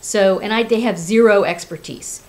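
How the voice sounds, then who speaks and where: A woman's voice: medium pitch, normal speed, darkish tone, low-quality recording. A woman hosting a casual craft video, chatting candidly with many fillers and restarts, from Florida and working as a teacher. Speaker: craft podcast host.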